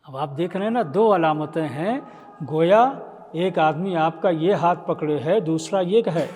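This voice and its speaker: A man with an Indian Urdu accent, a maulana teaching Quran recitation rules. He explains, quizzes the listeners and breaks into slow melodic chanting. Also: on the high side, darkish tone. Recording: long reverb in a hall.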